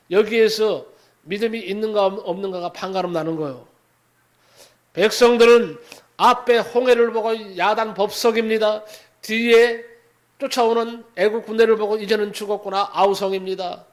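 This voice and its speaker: Male pastor, high-pitched, dramatic sermon delivery with sharp swings in volume. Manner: dramatic preaching, swings from loud exhortation to hushed asides.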